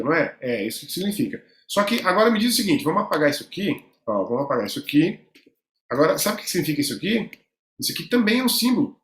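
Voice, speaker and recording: Brazilian male teacher, fairly high voice, chatty and halting, echoey room. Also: fairly bright tone. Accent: Brazilian Portuguese. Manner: conversational, many fillers and repeated words. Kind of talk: online lecture with screen drawing.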